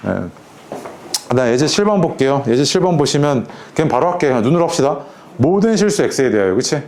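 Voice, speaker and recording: A man's voice: mid-range voice, a little mellow. A man teaching a math lesson in a casual, conversational way, often asking his students whether they follow. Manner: casual, keeps checking in with students. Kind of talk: lecture to students.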